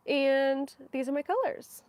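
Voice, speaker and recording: A woman's voice: high voice, unhurried, darkish tone, dry recording. A woman hosting her knitting podcast live, chatting casually with frequent little laughs and fillers. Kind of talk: casual live-stream chat.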